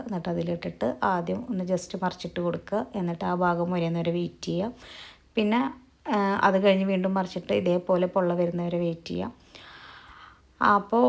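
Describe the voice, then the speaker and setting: A woman talks through her cooking vlog in a soft, quiet voice-over. Her voice sits a little low with a gravelly edge. She rambles in a chatty way and keeps correcting herself. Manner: soft-spoken, low volume. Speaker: cooking vlogger. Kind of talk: casual voice-over narration. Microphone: recorded in a closed room.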